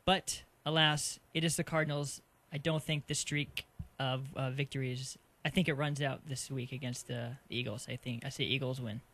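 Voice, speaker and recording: A man from Arizona co-hosting a casual sports podcast, easygoing and quick to laugh. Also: mid-range voice, fairly even intonation, a bit bright. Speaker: podcast co-host. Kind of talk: casual sports picks chat.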